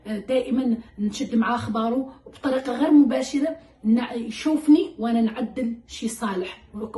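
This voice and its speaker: Fast-talking woman. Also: on the high side, reverberant, low-quality recording. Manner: animated, addresses listener as "darling", acts out her own dialogue with the child. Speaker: parenting advice speaker. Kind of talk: casual advice talk to mothers.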